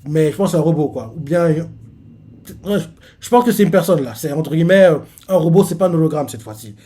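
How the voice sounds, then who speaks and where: A man's voice: fairly high pitch, animated, fast talker, dark tone. A man reacting live to a manga chapter, rambling with many fillers and self-corrections.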